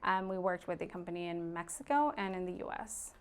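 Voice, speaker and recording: This Arizona real estate agent in her thirties is a guest on a casual podcast interview, chatting openly and laughing easily. Her voice is lowish, clear and resonant, with lively intonation and a fairly quick pace.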